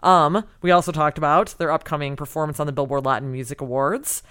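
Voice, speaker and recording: A woman hosting a music podcast, chatty and quick to laugh, introducing and interviewing guests. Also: low voice, steady tone, fairly bright tone, clean tone. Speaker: podcast host.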